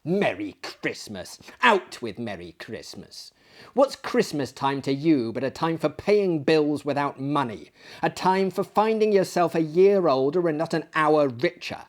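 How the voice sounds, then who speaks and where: A man's voice: fairly high pitch, sing-song, unhurried, voice pushed up. A man reading a classic ghost story aloud, voicing a bitter, miserly old man who snaps out indignant retorts. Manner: snapping, indignant outbursts.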